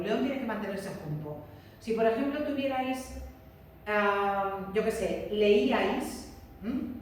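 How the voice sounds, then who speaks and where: A woman's voice: fairly high pitch, a little mellow. Woman teacher lecturing in an echoey classroom. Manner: explains patiently, repeats key points, checks with students. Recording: roomy echo, distant mic, faint room noise.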